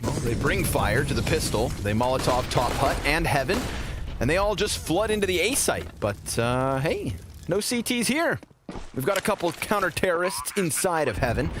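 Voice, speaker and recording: A man calling esports play-by-play commentary, getting excited as the action rises. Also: medium pitch, normal speed, background noise. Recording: game sounds and gunfire behind.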